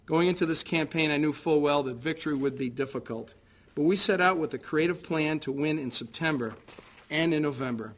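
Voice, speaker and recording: Man, American accent, slightly high voice, political candidate, formal prepared concession speech, measured and earnest delivery.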